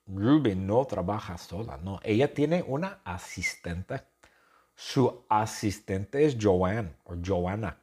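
Slow, lively man telling a learner story. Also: on the low side, breathy edge. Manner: animated, with sound effects and shouted crowd noises; speaks slowly and repeats phrases. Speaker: Spanish teacher telling a story.

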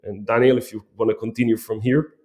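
A man, a company marketing chief, telling his story as an interview guest, often halting and restarting phrases. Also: fairly low pitch, level tone, warm tone.

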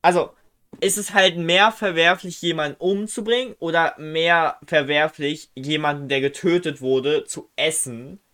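A young man chatting loosely and excitably with a friend, dropping slang. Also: a little high, measured pace. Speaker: co-host. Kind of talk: casual chat.

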